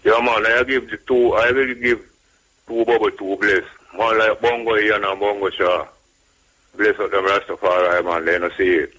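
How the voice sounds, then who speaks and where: A man's voice: on the low side, fairly even intonation, normal speed, fairly bright tone, poor audio. A man from Jamaica with a Jamaican accent, calling in to a radio show and talking casually, emphatic and full of repeated tag phrases. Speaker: radio caller. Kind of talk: casual call-in talk.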